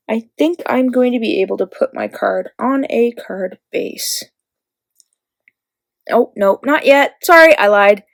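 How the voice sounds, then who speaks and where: A woman's voice: a little high, no echo. A woman talking through a card-making tutorial in a chatty, giggly way, correcting herself as she goes. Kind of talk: casual craft tutorial voice-over.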